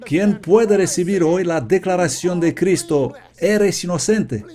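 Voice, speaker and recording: A man preaches in a slow, unhurried cadence, pressing his congregation with the same question again and again. His voice sits fairly high yet sounds mellow and dark. His tone stays earnest and confessional. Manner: emphatic, repeated questions to the congregation. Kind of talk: sermon.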